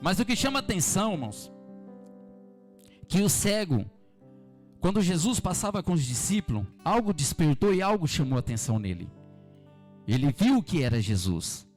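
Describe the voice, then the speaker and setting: A man's voice: on the high side, sing-song, moderate pace, long pauses, a little mellow, faint music behind. A man with a Brazilian Portuguese accent preaching an evening church sermon, fervently repeating his calls to the congregation. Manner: fervent, repetitive exhortation addressing the congregation. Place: church service.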